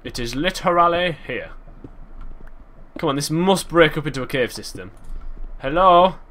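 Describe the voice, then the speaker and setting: A man giving chatty, excitable gameplay commentary, thinking aloud and breaking into sudden exclamations. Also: a little high, moderate pace. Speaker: gaming channel host.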